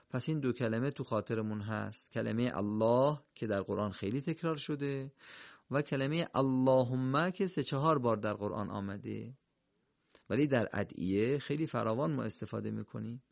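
A man teaching Quran recitation in a recorded lesson, explaining the rules step by step and modeling each pronunciation slowly. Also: medium pitch, gravelly, no room sound. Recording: dull lo-fi recording.

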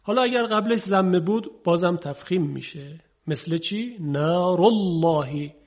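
A man teaching Quran recitation rules on a televised lesson, patiently explaining and drawling each example slowly. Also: high-pitched, lively intonation, muffled recording.

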